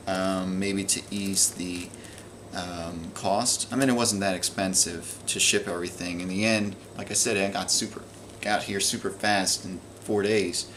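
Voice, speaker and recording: A native English-speaking man who vlogs about collecting video games casually shows off his recent purchases in an unscripted show-and-tell. His fairly low voice rambles along with lots of fillers and restarts, over slight background noise.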